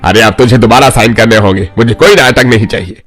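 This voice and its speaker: A man voicing a greedy, abusive middle-aged father in an animated family drama, harsh and threatening. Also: on the low side, moderate pace, breathy edge, soft background music.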